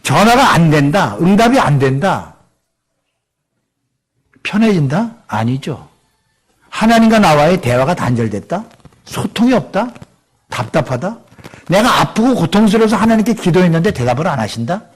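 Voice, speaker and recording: A middle-aged male pastor delivers a sermon in a church, with a fairly high voice that rises and falls a great deal. He keeps putting questions to the congregation and slips into the voices of the people he quotes. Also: moderate pace, long pauses, breathy edge. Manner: lively preaching, acts out quoted voices, asks the congregation questions. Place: church sanctuary.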